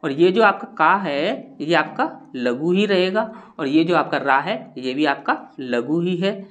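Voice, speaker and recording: A man teaching Hindi grammar, explaining step by step, asking questions and answering them himself, and sounding out syllables slowly. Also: fairly high pitch, animated, a bit bright. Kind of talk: classroom-style lesson.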